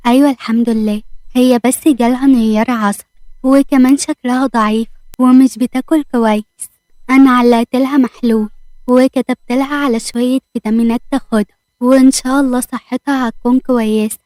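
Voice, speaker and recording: A woman with an Egyptian accent, voicing a calm, matter-of-fact female doctor in a narrated audio story. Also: a little high, fast talker, dry recording, lightly acted.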